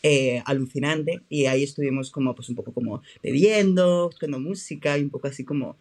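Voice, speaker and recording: A man's voice: mid-range voice, darkish tone. A man from Madrid with a Madrid Spanish accent, a podcast guest chatting casually and telling stories with lots of fillers. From Madrid, Spain. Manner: chatty, many fillers, drawn-out storytelling. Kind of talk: casual interview chat.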